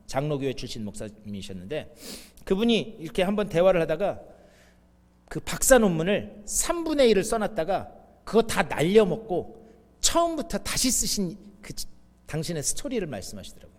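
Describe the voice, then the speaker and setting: A man's voice: a little high, sing-song, a little fast. A middle-aged man preaching a sermon as pastor, telling stories, acting out the lines he quotes and putting questions to the congregation. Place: church sanctuary. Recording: long hall reverb in a church.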